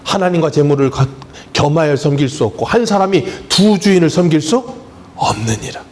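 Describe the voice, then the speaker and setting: A man's voice: fairly high pitch, animated, moderate pace, a little mellow. A middle-aged man, a pastor, preaching a sermon and asking the congregation questions as he goes.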